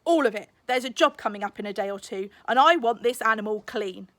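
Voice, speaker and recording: A bad-tempered, bellowing man in charge of an elephant house as a woman reader puts him on. He is indignant and loud, pitched fairly high, in a dry recording. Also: fairly quick, no room sound, close to an everyday voice. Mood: stern, sarcastic. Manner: roaring, indignant. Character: irate, bad-tempered male elephant master, bellowing boss.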